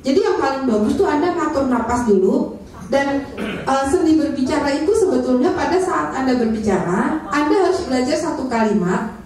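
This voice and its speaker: High-voiced woman trainer in an echoey room. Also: a little fast. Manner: energetic, asks the audience for agreement again and again. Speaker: public speaking trainer. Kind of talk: live training session. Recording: echoey room, speaker far from the mic.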